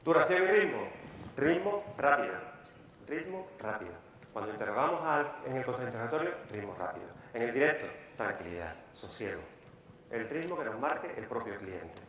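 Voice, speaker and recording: A man with a Peninsular Spanish accent, a lawyer giving a live workshop lecture, talking briskly and repeating key words for emphasis. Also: mid-range voice, sing-song, a bit bright. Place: large conference hall. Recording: echoey hall, faint room noise.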